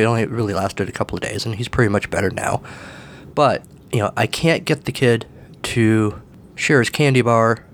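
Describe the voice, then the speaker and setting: Husky-voiced man with a cold. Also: medium pitch. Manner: rambling, wry, self-deprecating. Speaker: podcast host. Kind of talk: casual solo podcast monologue. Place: home, at a table.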